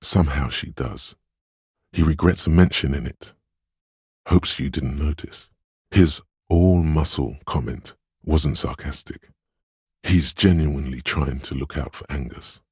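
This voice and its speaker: A man voicing a calm, perceptive inner voice of empathy in a video game, narrating in a measured, hushed, gravelly and husky delivery. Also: very deep voice, no echo, studio quality, exaggerated voice. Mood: gentle, observant. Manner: measured, hushed, knowing, deliberate. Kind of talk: scripted second-person game narration.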